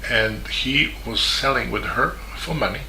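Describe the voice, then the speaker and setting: A man from Serbia with a Serbian accent, a journalist giving a spoken statement in halting English full of fillers and restarts. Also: medium pitch, vocal fry, pushed and bright, slight background noise. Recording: echoey room with faint ambience.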